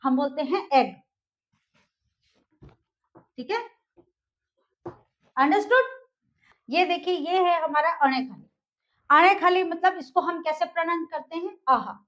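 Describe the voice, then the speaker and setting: A woman's voice: very high-pitched, a little slow, pauses often, fairly bright tone, highs cut off. A woman teaching English, explaining step by step and asking the class questions she then answers herself.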